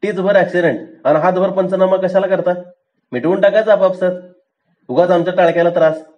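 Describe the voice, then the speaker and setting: A man's voice: sits high, fairly even intonation, fairly quick, lo-fi sound, voice pushed up, close to an everyday voice. A man voicing an impatient, irritated middle-class man trying to settle a roadside dispute. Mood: exasperated. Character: exasperated middle-class scooter rider, adult man.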